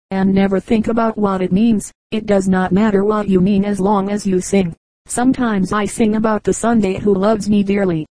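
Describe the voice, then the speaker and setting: A woman reading the part of a cheerful talking brook in a storybook, gentle and fond, with an even, mellow voice. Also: mid-range voice, no room sound, lightly acted, poor audio. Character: cheerful chattering brook, endlessly happy.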